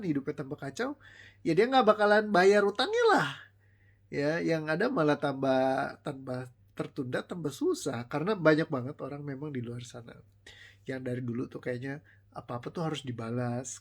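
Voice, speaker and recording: Chatty male life coach, mid-pitched. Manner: conversational, storytelling, mixes slang and English words; animated, voices quoted people with rising pitch. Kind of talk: casual motivational talk, live stream.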